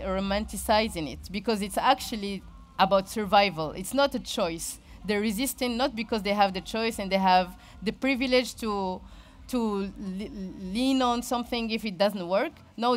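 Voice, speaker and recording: A woman with a Moroccan accent giving an informal talk, haltingly searching for words and often repeating herself. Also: fairly high pitch. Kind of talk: informal spoken presentation.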